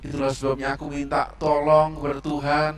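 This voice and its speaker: A woman's voice: low-pitched, completely flat delivery, brisk, distant mic, natural voice. A man voicing a tearful childless mother who pleads with God for a son, in an echoey church hall, some way from the mic. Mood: pleading. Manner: pleading, then sobbing with joy.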